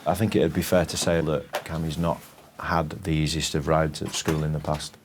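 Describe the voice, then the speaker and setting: Speaking in a documentary interview and school talk, a middle-aged Yorkshire head teacher discusses his school and pupils in a firm, plain-spoken, measured way. His voice is extremely low and level in tone, with slight background noise.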